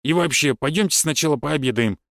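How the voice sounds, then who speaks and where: A man's voice: on the high side, brisk, vocal fry, fairly bright tone, dry recording, studio quality. A man voicing a kind, friendly middle-aged village woman who fusses over her guests. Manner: friendly, fussing, caring.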